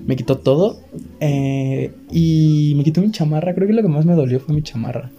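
A young man with a Mexican accent, telling a story in casual chat, animated and laughing nervously now and then. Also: a little high, moderate pace, dull audio. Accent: Mexican Spanish.

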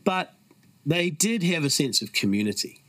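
There's a sing-song quality to this middle-aged New Zealander's higher, fairly bright voice, which moves at a normal speed with no echo. As a podcast guest he tells casual stories earnestly and reflectively, using frequent fillers.

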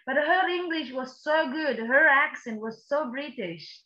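A woman's voice: sits high, lively intonation, measured pace, bright, forceful tone, highs cut off. A woman from Italy speaking English with an Italian accent as an interview guest, searching for words at times and laughing easily. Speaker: guest, workshop co-leader. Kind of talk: casual conversation.

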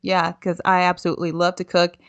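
A woman's voice: lowish voice, monotone, fairly quick, clear, resonant tone, no room sound. A woman hosting a podcast interview, chatting in a playful, self-deprecating way. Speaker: podcast host. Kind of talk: casual interview chat.

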